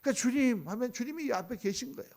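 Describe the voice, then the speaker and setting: A male pastor preaching a sermon at a dawn prayer service, swinging between loud emphatic lines and soft hushed ones, and acting out the people he quotes in conversational asides. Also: very high voice, expressive, racing. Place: church sanctuary.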